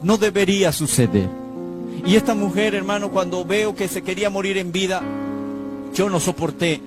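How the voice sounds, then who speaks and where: A man's voice: sits high, moderate pace. Emotional preaching man over music. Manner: emotional storytelling preacher, addresses the congregation directly. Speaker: pastor. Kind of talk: sermon. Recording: music playing behind. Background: instrumental music.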